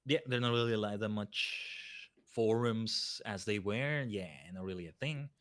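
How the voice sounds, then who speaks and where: A man's voice: on the low side, a little slow, a bit bright. A man chatting casually as a guest on a livestream, rambling and often repeating his phrases. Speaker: guest streamer.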